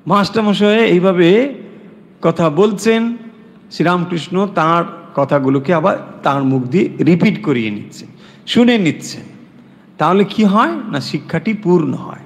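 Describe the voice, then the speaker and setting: A man teaching a scripture class. He explains Sanskrit verses word by word and slows down when he recites them. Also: high-pitched, expressive. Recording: long reverb in a hall.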